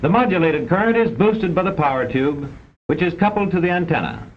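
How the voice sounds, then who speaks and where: In a sing-song, slightly quick voice, a man reads scripted narration for an old educational film, formal, precise and didactic. It sounds like a vintage film soundtrack, dull and full of rumbling noise.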